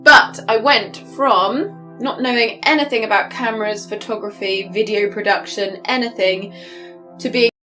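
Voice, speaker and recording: A woman telling a story to camera as a teacher, lively and amused. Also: mid-range voice, moderate pace. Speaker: YouTube English teacher. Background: faint music.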